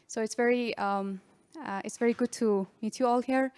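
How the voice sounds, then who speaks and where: A young woman from Afghanistan, a university student, introducing herself at a forum in a hesitant way, with many pauses and restarts. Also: fairly high pitch, steady tone, a little mellow, clear, resonant tone. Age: young adult. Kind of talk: casual self-introduction.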